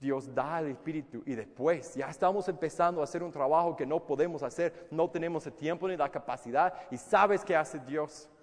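A man preaching a sermon, his voice set somewhat high for a man. He often repeats words and fires off rhetorical questions. His voice carries a long reverb from a church hall. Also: normal speed, hardly any pauses. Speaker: pastor.

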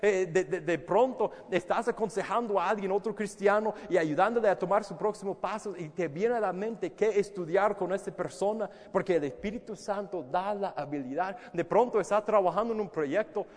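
A man's voice: high voice, moderate pace, few pauses, in a large hall. A man preaching a sermon to his congregation. He often repeats words and asks many rhetorical questions. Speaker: pastor. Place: church hall.

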